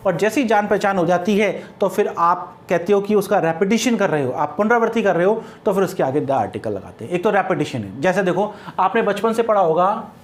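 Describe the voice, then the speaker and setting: Brief: male grammar teacher, patient and repetitive, asks then answers, dictates examples slowly. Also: high voice, animated. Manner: repeats points, asks and answers his own questions; dictates example sentences word by word. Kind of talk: classroom-style grammar lesson.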